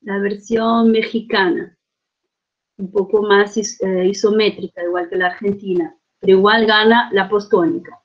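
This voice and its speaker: A woman's voice: medium pitch, steady tone, moderate pace, muffled recording. A woman giving an academic conference lecture, hesitant with many fillers and restarts, often checking in with tag questions.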